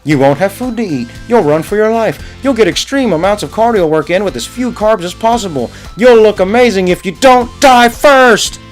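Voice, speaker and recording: A man putting on the voice of a loud, pushy male infomercial pitchman, with booming hard-sell patter over guitar music. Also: animated, moderate pace, few pauses.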